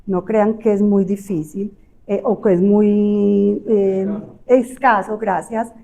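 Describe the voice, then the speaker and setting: Slow and steady, a woman with a dark, medium-pitched voice and a Colombian Spanish accent lectures conversationally as an audiologist. Her chatty explanations lean on frequent fillers and rhetorical tag questions.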